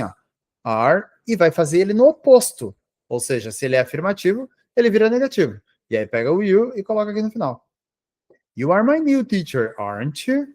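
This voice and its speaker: A man speaking Portuguese teaches an English grammar review for exams, breaking each rule into small steps. His pitch swings widely, rising and dropping as he stresses examples. He keeps checking in with his students as he goes. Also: a little mellow. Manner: explains step by step, checks in with frequent "tá?". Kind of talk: grammar lesson for exam prep.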